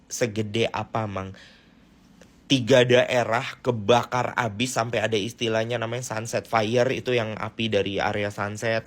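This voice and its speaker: A man's voice: mid-range voice, fairly bright tone. A man chatting in a playful, flamboyant casual vlog style, with exaggerated exclamations and English phrases mixed in. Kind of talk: casual slangy vlog chat.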